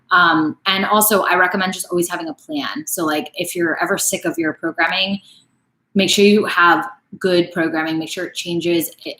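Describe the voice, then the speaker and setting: A fitness coach in her late twenties casually fields viewer questions on a live stream, her fairly low, bright voice carrying a forceful tone. The sound is roomy and the recording rough, and her chatty speech is full of "like" and "um" fillers.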